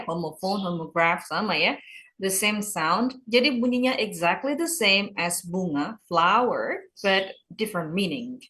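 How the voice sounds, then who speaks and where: A young woman with an Indonesian accent giving a chatty English lesson, mixing Indonesian and English. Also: medium pitch. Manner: switches between Indonesian and English, lively and chatty. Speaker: English teacher. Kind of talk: classroom lecture.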